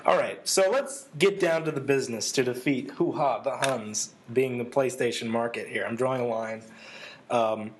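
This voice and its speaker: A man's voice: medium pitch, normal speed, slight background noise. A man co-hosting a casual gaming chat show, talking at length with a sarcastic, lecturing manner. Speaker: podcast co-host.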